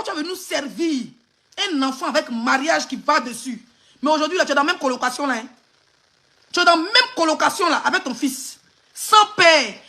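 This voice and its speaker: On a phone live stream, a woman with an Ivorian French accent launches into an angry rant, hurling insults and mocking laughter. Her voice is high-pitched, pushed, and bright.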